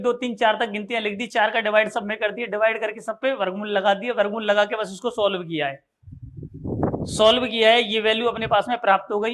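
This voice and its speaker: High-voiced man teaching math. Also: a bit bright. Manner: repetitive, drilling, addresses students as bhaiya and sahab. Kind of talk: classroom math lesson.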